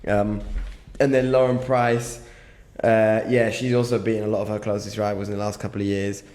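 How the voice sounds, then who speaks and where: A man's voice: lowish voice, flat delivery, brisk, a little mellow. A man co-hosting a casual betting podcast, laid-back and hesitant, full of ums and self-mocking laughs. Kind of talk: casual chat. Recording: echoey room.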